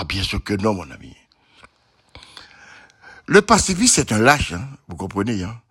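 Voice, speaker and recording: A man's voice: on the high side, fairly bright tone. A man giving an opinionated monologue, asking and answering his own questions, with frequent repeated tag words.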